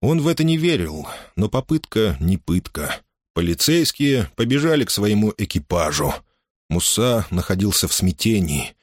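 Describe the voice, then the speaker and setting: Low, lively male audiobook narrator. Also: normal speed, no echo, studio quality.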